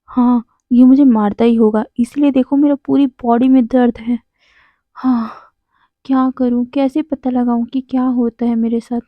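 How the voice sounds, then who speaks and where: A woman voicing a whiny, dramatic young man who complains and pleads loudly. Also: a little high, flat delivery, measured pace, no room sound, lo-fi sound, close to an everyday voice. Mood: complaining.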